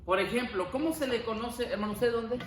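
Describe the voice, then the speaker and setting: A man teaching a Bible class, lively and joking, often asking the class questions. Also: extremely high pitch, a little fast. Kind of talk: classroom lecture. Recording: echoey classroom, faint room noise.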